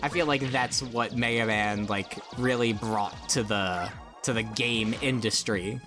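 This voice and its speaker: A man's voice: mid-range voice, unhurried. A man giving casual, informal game commentary among friends, explaining things as he goes. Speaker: let's play co-host guiding the game. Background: video game music.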